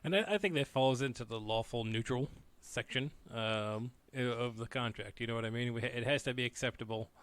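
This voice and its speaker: A man co-hosting a podcast, talking in a relaxed, rambling way with frequent fillers. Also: mid-range voice, brisk, few pauses, clear, resonant tone. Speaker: podcast co-host. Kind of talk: casual chat.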